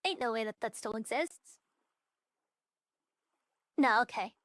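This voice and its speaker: In a dry, clean studio recording, a VTuber streamer talks casually on her livestream in a blunt, profane, scattered manner. The young woman's voice is a little high and a bit bright, her pace measured, with the voice changer set back to a more natural tone.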